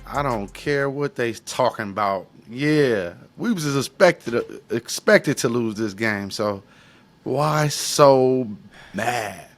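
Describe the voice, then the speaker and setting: A man's voice: medium pitch, animated, takes it slowly, soft background music. A man co-hosting a sports podcast, talking in a laid-back, casual way and egging on his partner. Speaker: podcast co-host.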